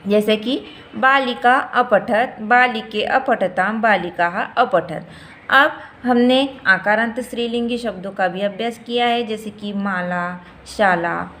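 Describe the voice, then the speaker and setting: A woman teacher giving a grammar lesson, saying each form slowly and repeating it so students can practise. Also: medium pitch, a bit bright, a little hiss or hum. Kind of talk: grammar lesson explaining and drilling forms.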